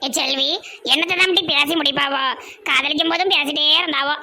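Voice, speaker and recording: A woman's voice: high voice, pushed and bright, exaggerated voice. A woman voicing a chatty, generous middle-aged village aunt with a Tirunelveli Tamil accent. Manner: gossipy, fast chatter.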